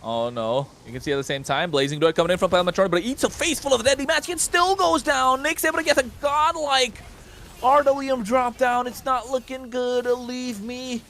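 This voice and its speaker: A man calls a mobile esports match play by play. His voice sits high and his calls come fast and excited, full of hype chants. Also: a little hiss or hum. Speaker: esports caster. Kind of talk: play-by-play commentary.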